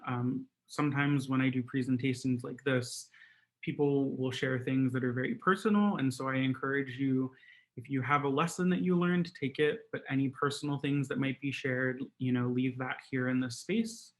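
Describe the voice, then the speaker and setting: A man speaking to an online audience in a loose, conversational way, often pausing on filler words. His voice sits at a middle pitch. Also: level tone. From Guatemala, raised in Maryland. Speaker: presenter. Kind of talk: online presentation.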